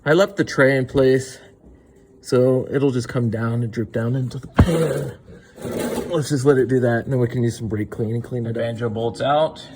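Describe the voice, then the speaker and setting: A young car DIY host narrates a repair in his garage, walking through each step casually with lots of fillers. His voice is medium-pitched and moderately paced, and the background is noisy.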